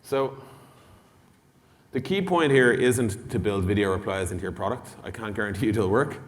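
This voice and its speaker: A tech company executive gives an informal product talk from a conference stage, addressing the room in a casual, blunt, mildly sweary way and acting out bits of dialogue. His voice is lowish, with lively intonation and moderate pace. Long reverb fills the large indoor hall.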